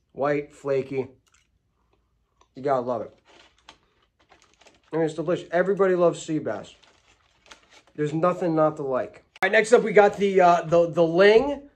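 A man in his forties, a fishing vlogger, talking casually and upbeat to the camera indoors at a tackle counter. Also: high voice. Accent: New Jersey. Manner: upbeat, chatty, quick asides. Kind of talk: casual vlog talk to camera.

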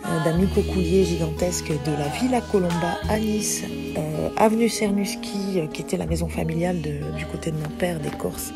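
With music audible underneath, a French woman in her forties who writes and sings her own songs rambles through commentary on her clips. She speaks at normal speed with a fairly low pitch and hesitates often.

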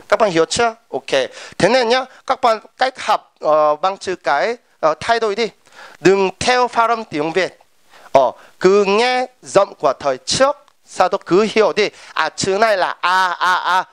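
A man's voice: sits high, clean tone, dry recording. A Korean man with a Korean accent teaching pronunciation in a lesson, modeling sounds over and over. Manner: drills sounds with repeated modeling.

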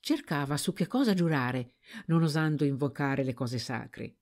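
Low-voiced woman narrating an audiobook. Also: moderate pace. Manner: expressive storytelling.

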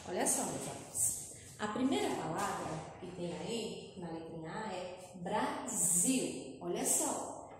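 A Brazilian woman teaching young children, who speaks in a slow, sing-song way and stretches and repeats her words. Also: mid-range voice. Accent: Brazilian Portuguese. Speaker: primary school teacher. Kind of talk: recorded lesson for young children. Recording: echoey room, far from mic, faint noise.

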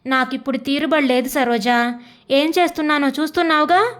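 A woman voicing a patient, quietly firm daughter-in-law. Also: high voice, brisk.

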